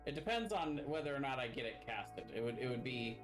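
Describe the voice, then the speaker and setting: A man's voice: medium pitch, lively intonation, a little fast, faint music behind. A man chatting casually as a player in a tabletop game, explaining things in a rambling way.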